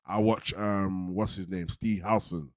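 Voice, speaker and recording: A man's voice: deep voice, fairly even intonation, unhurried, no echo, studio quality. A man with a London roadman accent chatting casually to livestream viewers, laid-back and slangy, often repeating himself. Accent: London roadman, multicultural urban slang. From London, England. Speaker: football fan channel host.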